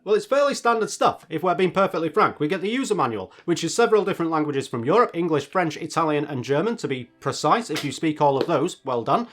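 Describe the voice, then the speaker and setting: Male reviewer, slightly high voice, chatty and wry, casual review narration over music. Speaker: product reviewer.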